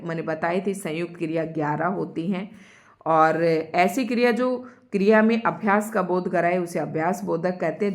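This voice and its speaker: Her voice sitting on the low side, a woman gives an online Hindi grammar lesson, breaking each term down step by step. She talks directly to her learners and repeats example sentences slowly.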